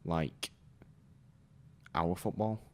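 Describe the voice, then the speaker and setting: British guy with a low voice, dry deadpan jokes, just chatting on a podcast. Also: very slow. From Britain. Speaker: podcast guest. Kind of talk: casual chat.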